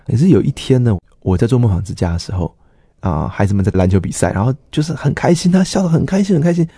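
A man's voice: mid-range voice, lively intonation, fast talker, mellow, breathy edge, no echo, studio quality. A middle-aged man, a pastor earnestly telling his personal testimony and acting out the dialogue he quotes.

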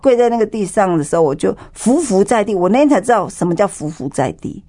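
A woman's voice: medium pitch, lively intonation, quick pace, warm tone. Taiwanese woman telling her story vividly. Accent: Taiwanese Mandarin. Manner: vivid storytelling, acts out dialogue. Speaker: interview guest. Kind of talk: emotional personal testimony.

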